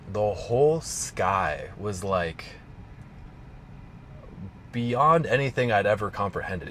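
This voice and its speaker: A strength coach talking casually to camera, telling a personal story in a rambling way full of "like" and restarts. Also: male voice, on the low side, fairly bright tone, slight background noise. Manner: casual, rambling, heavy use of "like".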